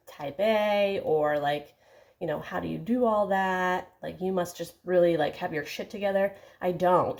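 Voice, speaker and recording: A woman's voice: lowish voice, darkish tone. A woman vlogger chatting casually to camera in an informal, self-deprecating way full of "like".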